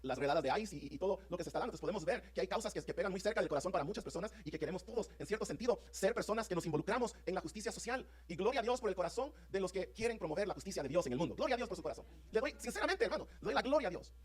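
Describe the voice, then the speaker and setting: A man's voice: high-pitched, expressive, husky. A man preaching a sermon to his congregation as pastor, fervent and emphatic, often asking if they are with him. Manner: fervent, rapid preaching with rising emphatic peaks; addresses congregation as brothers, asks "¿están conmigo?". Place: church sanctuary.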